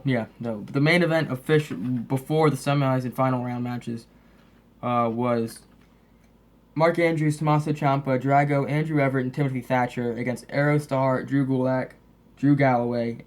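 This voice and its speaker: A man's voice: mid-range voice, fairly even intonation, normal speed, a little mellow. Man with a lisp from braces. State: slightly sick, sniffly. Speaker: host of a wrestling DVD collection update. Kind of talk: casual, rambling show-and-tell chat.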